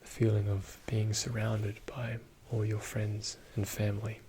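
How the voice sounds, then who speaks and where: A man giving a soothing, reassuring ASMR pep talk in a soft-spoken, often whispered voice, slow and deliberate. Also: fairly low pitch, completely flat delivery, slight background noise. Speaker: ASMR video host.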